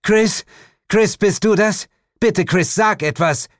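A man reading aloud, voicing a frantic woman detective in a raised, shrill voice that breaks into laughter. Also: slow, no room sound, studio quality. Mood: desperate.

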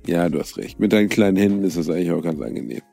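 A man's voice: deep voice, lively intonation, rapid-fire, creaky, mellow, no room sound, soft background music. A young man co-hosting a podcast, joking in casual banter with self-mocking, mock-sentimental remarks. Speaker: podcast co-host.

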